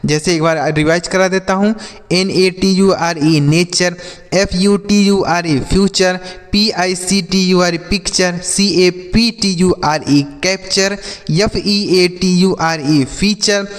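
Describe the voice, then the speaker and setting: High-voiced male teacher, echoing hall. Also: steady tone, soft background music. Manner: spells letters slowly, then asks and answers his own questions. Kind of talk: spelling and reading lesson for children.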